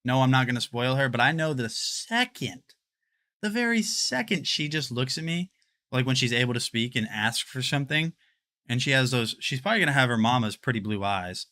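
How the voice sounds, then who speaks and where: A livestream host in his twenties walks through the rooms of his home, rambling and chatting casually while addressing chat. His medium-pitched voice is animated, pushed and bright, a little fast, with no echo.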